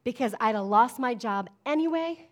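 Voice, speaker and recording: High-pitched lady pastor preaching, emphatic, keeps asking the crowd amen. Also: animated, moderate pace. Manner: emphatic, call-and-response preaching with frequent "amen?". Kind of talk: sermon.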